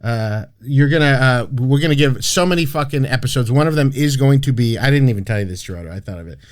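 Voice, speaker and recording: A man's voice: medium pitch, animated, fast. A man hosting a casual podcast, brash and profane, rambling with frequent restarts and fillers. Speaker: podcast host.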